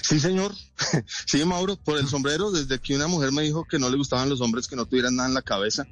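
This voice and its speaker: Colombian guy joking around as a comedy guest, laughs at his own lines, mid-pitched voice. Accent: Colombian Spanish. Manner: joking, laughs often, quick punchlines. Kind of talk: casual interview chat with jokes.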